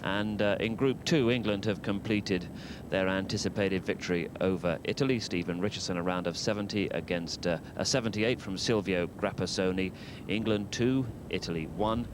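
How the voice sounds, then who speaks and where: A man presenting a round-up of golf scores in a measured reporting manner, pausing between items. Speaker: sports presenter. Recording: noisy broadcast with background rumble.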